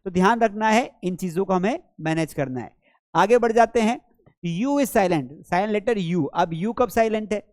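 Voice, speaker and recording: A man's voice: high voice, normal speed, a little mellow, no echo, clean studio sound. A man teaching English pronunciation in a video lesson, explaining patiently and calling viewers his children. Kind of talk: classroom-style video lesson.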